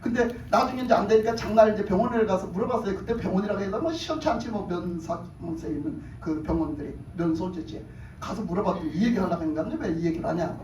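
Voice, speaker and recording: A pastor preaching a sermon, telling a personal story in a lively, colloquial way that flares into excitement. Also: male voice, high voice, quick pace. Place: church sanctuary. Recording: roomy church hall, far from the mic, faint background noise.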